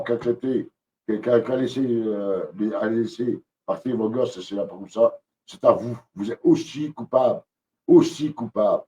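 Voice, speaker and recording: A man's voice: lowish voice, mellow, far from the mic, highs cut off. A man ranting angrily on a live stream, repeating himself and hesitating often. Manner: agitated, repetitive, many hesitations. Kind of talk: angry live-stream rant.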